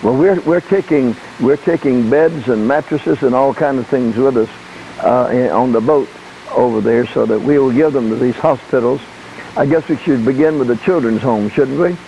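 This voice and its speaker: A man's voice: medium pitch, moderate pace, gravelly, mellow, a little hiss or hum. Man on a muffled phone line. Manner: asks short questions and drops in frequent murmured hums of agreement. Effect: heard over a phone line. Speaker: interviewer. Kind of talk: phone interview.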